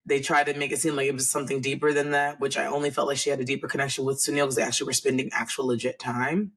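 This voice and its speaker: A man's voice: mid-range voice, flat delivery, very fast, fairly bright tone, husky. A man co-hosting a podcast, talking in a casual, rambling way with frequent restarts. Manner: rambling, hesitant, restarts often. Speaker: podcast co-host. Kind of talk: casual chat.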